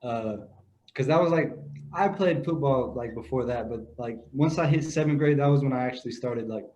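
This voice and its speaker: A young man co-hosting a casual sports podcast, telling stories in a relaxed, rambling way with many fillers. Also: mid-range voice, normal speed, a little hiss or hum. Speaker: podcast co-host, grandson. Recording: dull lo-fi audio.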